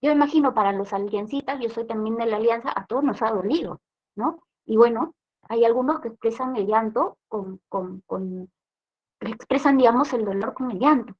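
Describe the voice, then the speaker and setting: Capacitadora peruana de voz aguda, explica con pausas y preguntas retóricas; sonido apagado, de baja fidelidad. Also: female voice, on the high side, lo-fi sound. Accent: Peruvian Spanish. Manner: explanatory, frequent rhetorical "¿no?" tags. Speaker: trainer. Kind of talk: training lecture.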